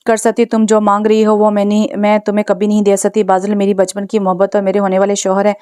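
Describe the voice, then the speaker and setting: A woman's voice: mid-range voice, completely flat delivery, quick pace, warm tone, clean tone, dry recording, clean studio sound, close to an everyday voice. Woman reading as a dignified young wife. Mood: firm. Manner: firm, restrained.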